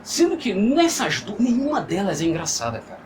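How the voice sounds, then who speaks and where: A man with a high voice that swings up and down, talking at length in a casual chat with friends and restarting his sentences often. Clear background noise runs under the recording. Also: brisk. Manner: animated, talks in long runs with many restarts. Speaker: podcast co-host. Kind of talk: casual group chat about films.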